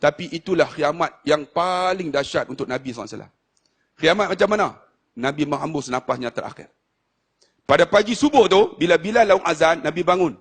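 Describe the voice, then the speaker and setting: Animated preacher with a northern Malaysian Malay accent. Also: male voice, fairly quick, slightly rough. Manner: animated, swings between loud teasing and low hushed storytelling. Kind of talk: sermon to a live congregation.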